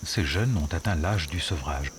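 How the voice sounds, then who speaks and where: A man reading scripted nature documentary narration in a measured, explanatory storytelling manner. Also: rumbling low, expressive, noisy background. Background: music under the voice.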